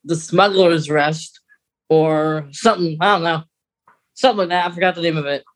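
A podcast co-host with a mid-pitched voice talks casually and conversationally, with a wry edge, as if passing along news in a relaxed chat. The intonation stays fairly even at a moderate pace, and the recording is rough.

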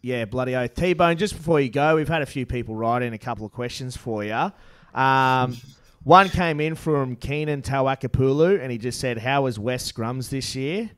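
A man's voice: medium pitch, moderate pace. A man with a broad Australian accent hosting casual banter in a blokey, slangy way. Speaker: podcast host.

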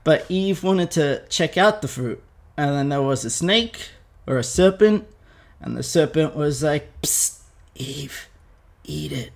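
A young man talks slowly in a slightly high voice, retelling a story for his viewers. His tone is irreverent and chatty, with loose fillers and casual swearing. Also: lively intonation. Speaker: vlogger.

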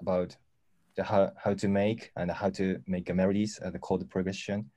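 Low slow guy with a japanese accent, mellow, searches for words in english. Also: flat delivery. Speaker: musician. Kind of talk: casual interview answers.

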